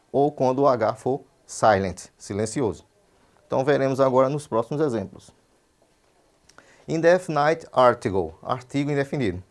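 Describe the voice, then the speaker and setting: A Brazilian male English teacher giving a broadcast lesson. He explains quickly in Portuguese, says the English examples slowly and carefully, and often checks in with "certo?". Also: medium pitch. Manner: switches between quick explanation and slow, deliberate English examples; checks understanding with frequent "certo?".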